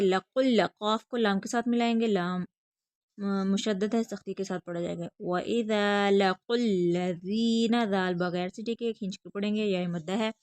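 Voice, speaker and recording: A woman's voice: mid-range voice, no echo. Woman teaching recitation rules, dry close sound. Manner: explains pronunciation rules in quick bursts between slow, drawn-out recited words. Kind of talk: online tajweed lesson.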